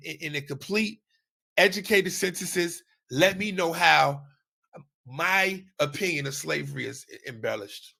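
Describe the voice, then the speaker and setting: Man, podcast host, gravelly voice, slightly high, blunt and profane commentary. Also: sharp tone. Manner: blunt, profane, emphatic with repeated phrases. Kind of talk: opinionated commentary monologue.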